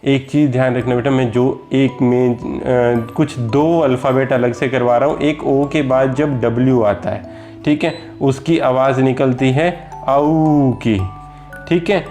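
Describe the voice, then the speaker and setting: A man's voice: medium pitch, steady tone, a little slow, a little mellow, soft background music. A man with an Indian accent teaching a lesson, patiently repeating each example word and addressing his viewers as children. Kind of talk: slow explanatory lesson.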